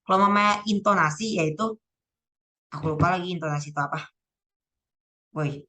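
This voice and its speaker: A woman's voice: on the low side, moderate pace, pushed and bright, rough recording. A teenage girl casually going over exam answers, thinking aloud and often correcting herself. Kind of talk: casual spoken exam walkthrough.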